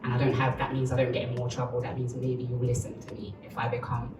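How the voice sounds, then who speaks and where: A woman's voice: very deep voice, completely flat delivery, fast talker, roomy sound, recorded from a distance, over music, low-quality recording. A woman from Uganda, giving a candid, reflective documentary interview.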